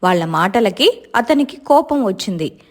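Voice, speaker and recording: A woman's voice: mid-range voice, very animated, a little slow. Woman narrating a dramatic family story.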